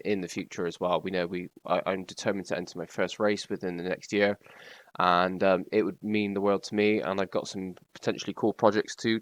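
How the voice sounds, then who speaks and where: A man's voice: sits low, no echo. A young British man chatting enthusiastically in a casual vlog, with frequent ums. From Britain. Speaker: YouTuber.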